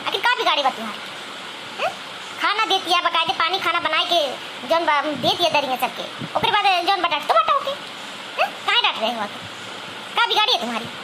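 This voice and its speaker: A woman voicing a doting, protective young husband in a cartoon comedy, reassuring and indignant in manner. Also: very high-pitched. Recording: noisy amateur recording.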